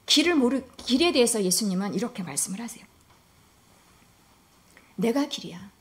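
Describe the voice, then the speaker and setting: A woman preaching a sermon in an earnest, emphatic manner, often dropping to a soft, hushed voice. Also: a little high, lively intonation, fast talker.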